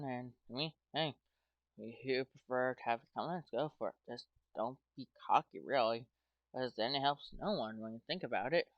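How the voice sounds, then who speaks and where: A man's voice: mid-range voice, no room sound. American guy rambling on casually, lots of wells and likes, kinda dull dry mic. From United States. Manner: rambling, hesitant, full of "well" and "like". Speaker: YouTuber playing a game.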